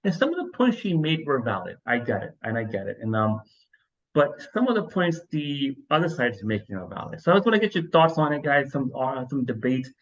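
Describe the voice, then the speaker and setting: A man from New York, US, hosts a casual podcast chat, rambling and often restarting his sentences mid-thought. His mid-range, fairly bright voice is very animated and brisk, though it comes through slightly dull and muffled.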